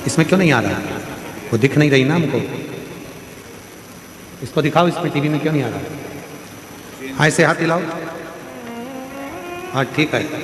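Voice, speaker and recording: A man's voice: normal speed, long pauses. A man giving a live religious sermon to a large gathering, telling a sacred story with an emphatic, rising and falling cadence and speaking straight to the crowd. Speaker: devotional storyteller preacher. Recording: booming hall reverb, faint music.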